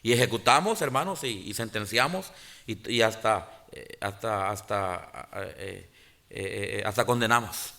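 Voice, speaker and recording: A pastor, preaching a sermon in church, often pausing to restart and calling out "hermanos". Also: male voice, on the low side, gravelly, sharp tone. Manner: halting restarts and filler sounds. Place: church sanctuary.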